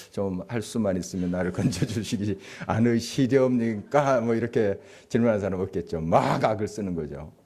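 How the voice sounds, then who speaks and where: In a church sanctuary, a male pastor with a low, mellow, husky voice and vocal fry delivers a conversational sermon. He asks the congregation questions and chuckles as he talks.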